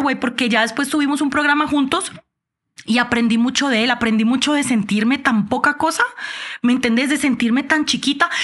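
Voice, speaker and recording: Animated woman telling her story. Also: fairly high pitch. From born in Miami, raised in Colombia. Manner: animated, expressive storytelling with frequent "o sea". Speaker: guest, TV host and actress. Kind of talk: casual interview chat.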